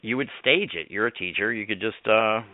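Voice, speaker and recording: A man's voice: fairly low pitch, a little fast. A man hosting a casual radio chat, teasing and sarcastic with his guest. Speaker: radio host. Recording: dry phone-like radio sound.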